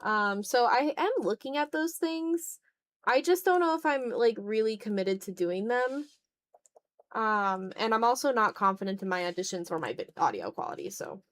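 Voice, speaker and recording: Medium-pitched and expressive at a normal pace, this woman streamer keeps up casual chat as she draws live. Her thinking-aloud is tentative and self-deprecating.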